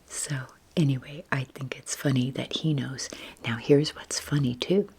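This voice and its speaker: Husky and bass-voiced, an older woman in her sixties makes YouTube relaxation ASMR, whispering softly and breathily. She rambles casually and unhurriedly, with a self-deprecating manner.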